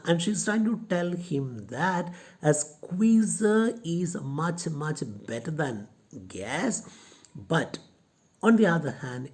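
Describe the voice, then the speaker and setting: A woman's voice: low voice, a little mellow. A woman lecturer with an Indian English accent, retelling a play for students and explaining each scene. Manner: slow, retelling a scene and voicing each character in turn.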